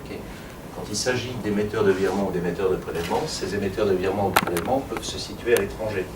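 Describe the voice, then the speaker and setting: Speaking quickly in a deep voice, a man walks a room of attendees through a technical workshop step by step, dropping frequent fillers and light asides. He's captured from a distance in an echoey conference room, and noise is audible.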